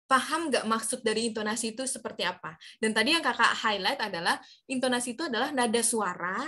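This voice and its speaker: A woman who voices for a living leads an online class for children in a bright, ringing tone. She speaks a little above the usual pitch, with a cheerful, encouraging manner. Her voice comes over a video call. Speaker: voice actor teaching a workshop.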